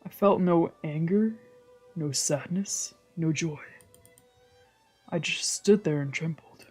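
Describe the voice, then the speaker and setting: Soft background music plays as a streamer slowly reads visual novel narration aloud. The medium-pitched, mid-range voice has a darkish, slightly rough tone. Lines are translated and read in first person, with whispered asides.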